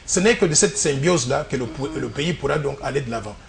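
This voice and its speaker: A man's voice: medium pitch, lively intonation, fast talker, vocal fry, slight background noise. A man, a presidential candidate answering interview questions in an assertive, speechlike way and repeating his key points.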